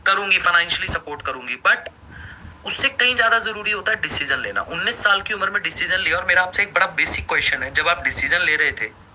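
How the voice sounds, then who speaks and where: A male host interviewing guests in an energetic, persuasive way, repeating phrases for emphasis. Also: sits high, fast, slight background noise, rough recording. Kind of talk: motivational interview on a live call.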